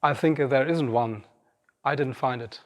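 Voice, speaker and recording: A man in his 50s speaks at an unhurried pace in a medium-pitched voice, giving a reflective, personal inspirational talk straight to the audience. He stands on a large auditorium stage, where the recording picks up the long reverb of the hall.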